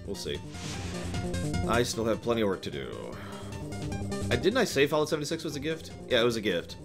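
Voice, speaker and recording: Background music plays as a man chats casually on his live stream, fielding viewer questions with strong opinions, emphasis, and frequent conversational asides. His mid-range voice is sing-song with vocal fry and moves a little fast.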